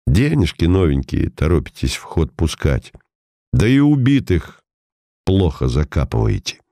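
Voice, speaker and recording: A cool, sardonic detective as a man reads him, giving orders in a very deep, gravelly voice. He sounds dark and mellow, never hurried, as if he holds every card. The audiobook recording is dry and close. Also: very animated, no room sound, heavily acted. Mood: scornful. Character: calm, mocking older male detective. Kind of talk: audiobook character voice.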